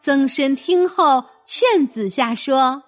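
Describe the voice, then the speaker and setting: Slow, high-voiced woman telling a children's story. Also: lively intonation, soft background music. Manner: gentle, addressing a child directly.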